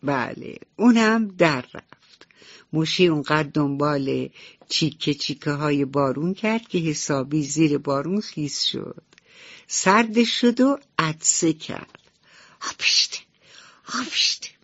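A woman's voice: sits low, expressive, no echo. A woman storyteller reading a radio bedtime story to children, sing-song and tender. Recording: slightly dull radio recording.

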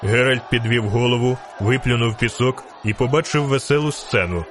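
Man narrating an audiobook, steady. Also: mid-range voice, normal speed, background noise.

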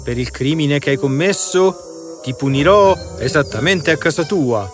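A man playing a stern middle-aged king in an animated fairy tale, speaking slowly. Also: a little high. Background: music.

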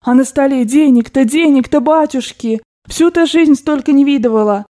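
A woman voicing a devout, fussy old maidservant who chatters in an excited, gushing way in an audiobook. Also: high voice, normal speed, voice pushed up, lightly acted. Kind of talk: audiobook character voice.

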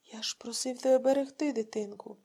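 A woman's voice: a little high, fairly even intonation, normal speed, warm tone, breathy edge. A woman voicing a desperate, grieving young village husband who pleads in anguish. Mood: anguished pleading.

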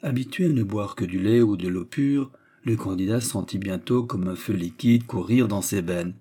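A man narrating a novel in measured, scripted storytelling. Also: lowish voice, mellow, breathy edge. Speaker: audiobook narrator.

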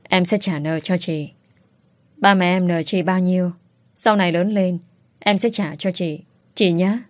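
A woman reading as a gentle teenage boy who sobs and pleads in slow, broken phrases. The voice is low, and the recording is close and dry. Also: steady tone, no echo, close to an everyday voice. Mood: tearful. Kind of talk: audiobook character voice.

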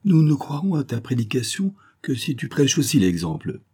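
Pious neighbor done by a man, reproachful, preachy, husky. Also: medium pitch, sing-song, moderate pace, warm tone, pitched above the performer's own voice.

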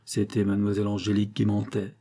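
A man narrating a classic novel in a measured, wry manner as an audiobook reader. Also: fairly low pitch, monotone, dark tone, a little hiss or hum. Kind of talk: scripted literary narration.

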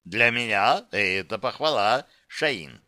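A man's voice: on the low side, lively intonation, takes it slowly, pushed and bright, dry recording, clean studio sound, full character voice. A man voicing a cynical male demon who lives as the hero's alter ego and sneers at him, read as an audiobook. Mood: smug mocking. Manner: cynical, sneering, laughs at others.

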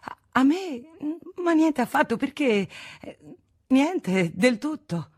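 A woman's voice: mid-range voice, moderate pace, dry recording, studio quality, pitched above the performer's own voice, close to an everyday voice. A woman voicing a timid young man who stammers and gets flustered, in a literary audiobook.

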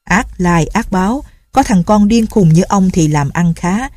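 A woman's voice: mid-range voice, lively intonation, unhurried, warm tone, dry recording. A woman voicing a boastful, taunting old male bandit chief in a told story. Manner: taunting and mocking.

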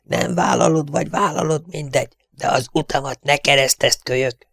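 Mad outlaw father in an audiobook, hoarse hissing whisper, wheezy and menacing, voiced by a male reader, dry close sound. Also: medium pitch, wildly swooping pitch, a bit bright, dry recording, voice pushed up, heavily acted. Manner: menacing, cackling, barking. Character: crazed vengeful outlaw father, raspy whisperer.

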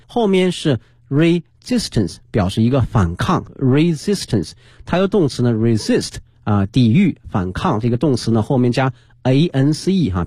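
A man with a slightly husky voice teaches English vocabulary on the radio, explaining each word patiently and spelling it out letter by letter. His pitch moves about a lot, and the sound is dry and close, as in a small studio. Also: a little mellow, no echo. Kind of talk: bilingual vocabulary lesson.

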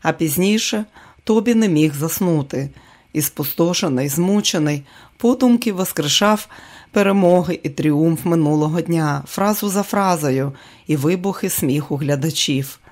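A man narrating a novel as an audiobook, in a steady storytelling manner. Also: on the high side, normal speed. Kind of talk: scripted narration.

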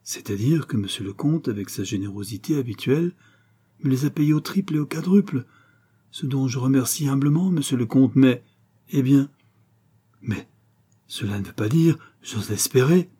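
A man's voice: medium pitch, moderate pace, mellow, breathy edge, lightly acted. A man voicing an anxious, fawning male servant in an audiobook reading, humble and flustered. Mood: flustered, pleading.

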